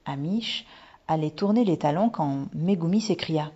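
A woman reading a children's story aloud in a calm, measured storybook narration. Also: low-pitched, slightly rough. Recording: dull lo-fi recording.

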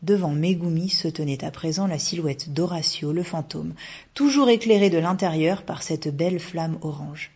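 A woman narrating a children's storybook in a steady, measured reading voice. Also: deep voice, slightly rough. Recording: dull lo-fi recording.

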